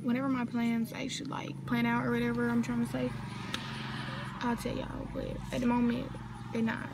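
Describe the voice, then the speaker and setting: In a brisk, monotone voice on the high side with vocal fry, a teenage North Carolina vlogger rambles casually to her phone camera outdoors. Her Southern-accented talk is chatty and slangy with wandering asides, and the recording is very noisy.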